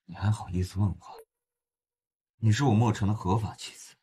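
A man playing a proud, jealous, domineering husband in a short melodrama, with a husky voice. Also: fairly low pitch, fairly even intonation, a little fast, mellow. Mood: jealous anger. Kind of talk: melodramatic short-drama acting.

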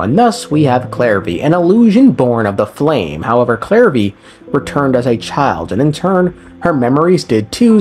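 Background music runs beneath a man's irreverent, profane recap of a game story, delivered casually and sarcastically. His voice is mid-range with a darkish tone.

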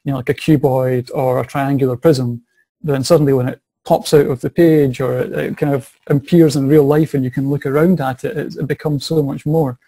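Over a webcam video call from a small office, a young Scottish science and maths teacher answers interview questions eagerly, repeating words as he thinks. His mid-range, mellow voice stays steady and fairly quick, with no echo.

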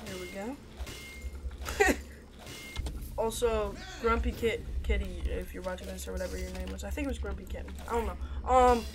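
A woman's voice: medium pitch, moderate pace, pauses often, background noise. A woman doing rambling, chatty gameplay commentary, talking to her viewers as she plays. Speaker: gaming video creator.

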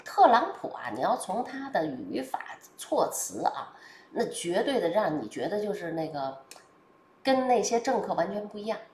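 Lively woman with a twang. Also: mid-range voice, normal speed, a little hiss or hum. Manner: lively, chatty, colloquial, with frequent hesitations. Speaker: political commentator. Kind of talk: casual spoken commentary. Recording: roomy echo.

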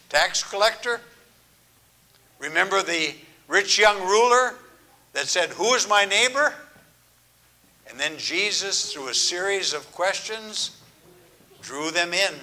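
An older man, a grandfather, preaching a sermon in an earnest, measured way, letting phrases trail off softly. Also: high voice, expressive. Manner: earnest, measured, drawn-out phrasing with soft, hushed endings. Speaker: pastor. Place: church.

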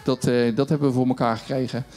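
A man's voice: medium pitch, little pitch movement, fast talker, darkish tone, faint music behind. A middle-aged man presenting a children's church show on a stage, chatty and encouraging as he runs a science demo, speaking into a handheld mic. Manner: chatty and upbeat, encouraging, self-mocking.

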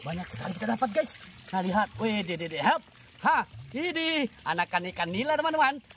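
A vlogger giving excited outdoor commentary while wading in a muddy pond, full of chanted exclamations and constant calls to the viewers, dropping to a hush when asking for quiet. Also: medium pitch, a little fast, slight background noise. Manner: keeps addressing viewers as "guys" and "friends". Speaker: fishing and animal-catching vlogger.

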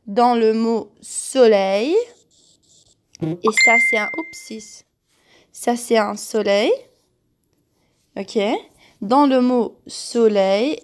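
A woman teacher giving a slow, patient homework lesson to young children, repeating each word several times. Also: medium pitch, slight background noise. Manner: patient, repeats words and syllables, claps.

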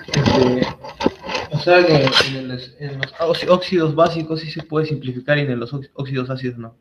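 A man's voice: medium pitch, fairly even intonation, moderate pace, noisy background. A male student hesitantly asking the teacher a question in class.

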